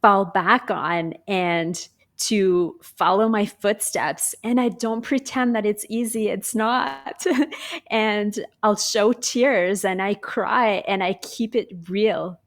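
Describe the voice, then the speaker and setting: A woman's voice: medium pitch, steady tone, slow. A woman from Canada joins over a lagging video call. She speaks earnestly and upbeat in a mid-range voice, full of encouraging phrases. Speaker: guest, business owner. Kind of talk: motivational conversation. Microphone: video call with lag.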